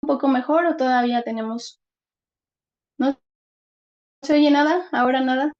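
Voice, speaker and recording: A woman's voice: high-pitched, normal speed, muffled recording. A woman giving an online class lecture over a video call, her audio choppy and cutting out as she explains and keeps checking whether she can be heard.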